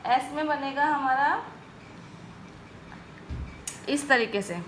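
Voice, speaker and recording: Female tutor, high bright voice, slow patient delivery, faint background hum. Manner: patient, repeats "ठीक है guys" often. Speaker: stenography teacher. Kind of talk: video lesson explaining strokes.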